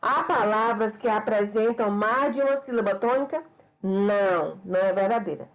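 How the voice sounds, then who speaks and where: A woman's voice: mid-range voice, low-quality recording. A woman teacher from Brazil giving a remote grammar lesson, explaining patiently and speaking to her students directly. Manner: slow, explanatory, addresses students as "pessoal".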